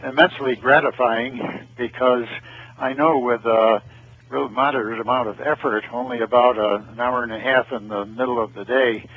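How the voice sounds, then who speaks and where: An older man, a retired physician, calling in to a radio show over the phone, measured and sincere. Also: medium pitch, fairly even intonation. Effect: heard over the phone line. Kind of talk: casual call-in chat. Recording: muffled phone line.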